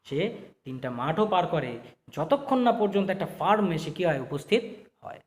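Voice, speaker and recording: A fairly high-voiced man gives a classroom lesson on a poem. He keeps asking his listeners questions and answering them himself. His voice carries a long echo from the room. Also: big pitch swings, moderate pace. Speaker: teacher. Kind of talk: classroom poetry explanation.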